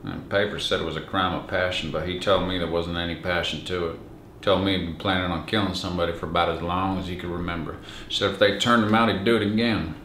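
A man's voice: sits low, steady tone, fast talker, hardly any pauses, fairly bright tone. A man in his thirties playing a plain-spoken, weary county sheriff in a reflective, troubled dramatic monologue. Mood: troubled, grave. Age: 30s. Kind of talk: dramatic monologue, audition-tape acting. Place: small bare indoor room against a plain wall. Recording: echoey room, faint background hiss.

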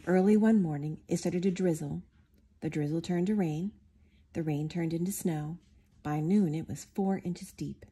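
Woman reading a storybook aloud, mellow and husky. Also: sits low. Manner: expressive, lively character voices. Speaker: storybook reader. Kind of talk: reading a picture book aloud.

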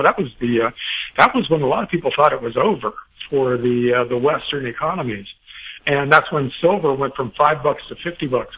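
A man's voice: mid-range voice, husky, narrow, tinny audio. A man answering interview questions as a financial commentator, rambling with many fillers and restarts.

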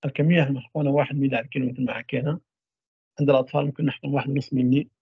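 A man giving a university radiology lecture, trailing off mid-phrase into drawn-out fillers. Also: mid-range voice, steady tone, breathy edge, dry recording. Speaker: medical lecturer. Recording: dull lo-fi dry recording.

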